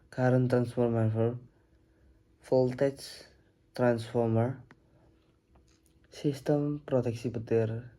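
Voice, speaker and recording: Young man with a very dark voice. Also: fairly low pitch. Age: young adult. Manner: reads steadily from slides, with occasional slips and restarts. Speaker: electrical engineering student. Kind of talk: recorded slide presentation.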